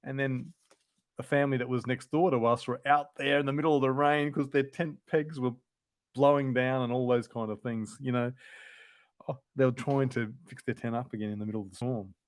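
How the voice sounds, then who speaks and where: A man's voice: medium pitch, steady tone, a little fast, dry recording. Man giving a dry, casual Bible lesson. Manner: informal, explanatory, thinks aloud. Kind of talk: conversational Bible study teaching.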